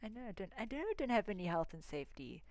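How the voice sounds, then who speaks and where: A woman's voice: mid-range voice, very animated, racing, a little mellow, no room sound. A young woman chatting casually as she plays a video game, often dropping into whispered asides. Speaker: gaming streamer. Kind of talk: casual gameplay commentary.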